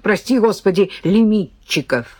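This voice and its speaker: A woman voicing a cantankerous old man, a quarrelsome pensioner, in an audiobook, talking slowly and querulously. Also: mid-range voice, expressive, darkish tone, no room sound, natural voice. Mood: querulous, indignant.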